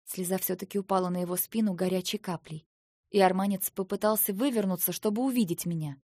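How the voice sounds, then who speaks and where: A woman reads a first-person fantasy novel aloud in an expressive voice that moves between quiet and heated. Her voice sits at a middle pitch, and the recording is dry and close. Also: quick pace, no echo. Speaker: audiobook narrator. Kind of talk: first-person audiobook narration.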